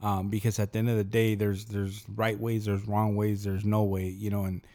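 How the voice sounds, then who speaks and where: A man's voice: on the low side, monotone, normal speed, warm tone. A man hosting a podcast, asking long, rambling questions full of restarts. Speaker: podcast host. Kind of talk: casual interview talk.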